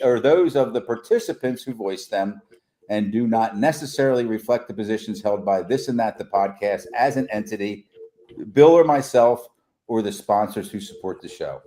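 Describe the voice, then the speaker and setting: A man with a mellow, medium-pitched voice speaks at a normal speed as co-host of a local podcast. The talk is casual chat, and he jokes around and laughs often.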